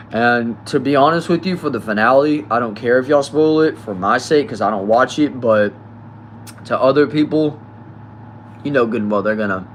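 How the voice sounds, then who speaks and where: A nineteen-year-old man reading viewer comments aloud in a relaxed, chatty live stream, often trailing off quietly. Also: medium pitch, a little hiss or hum. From United States. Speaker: livestreamer.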